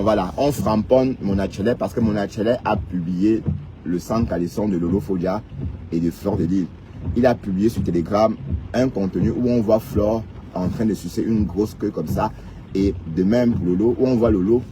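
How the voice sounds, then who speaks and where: A man's voice, on the low side, comes through a noisy background. He is Cameroonian, with a Cameroonian French accent, ranting on a laid-back live stream and teasing viewers mockingly while frequently adding "hein".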